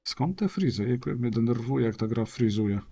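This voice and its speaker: A man's voice: mid-range voice, animated, normal speed, warm tone, slight background noise. A middle-aged man streaming a retro game, grumbling and muttering to himself in casual commentary. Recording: dull lo-fi stream mic.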